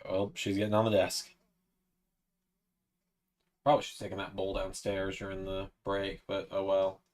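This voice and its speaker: Young male streamer, low-ish voice, casual chatty delivery, coaxing sing-song when addressing a pet. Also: completely flat delivery, normal speed, a little mellow. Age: 20s. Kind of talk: casual livestream chat.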